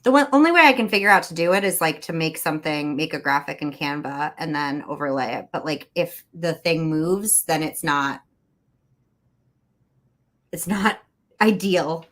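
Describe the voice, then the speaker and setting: A woman in her thirties hosts a relaxed chat from home, talking freely and laughing often. Her voice sits a little low for a woman. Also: normal speed. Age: 30s. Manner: laughs often, chatty and expressive. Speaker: host. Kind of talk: casual chat on a livestream. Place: home room with neon light.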